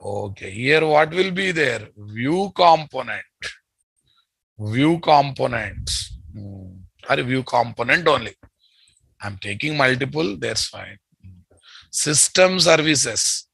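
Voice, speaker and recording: A man's voice: medium pitch, expressive, slow pace, vocal fry, a bit bright, breathy edge, no room sound, low-quality recording. A man with a Telugu Indian accent teaching a live technical class, bluntly questioning his students and repeating key phrases. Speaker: programming instructor.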